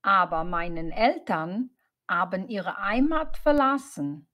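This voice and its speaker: A woman voicing a male student in a slow scripted learner dialogue, telling his story plainly. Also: mid-range voice, expressive, fairly bright tone.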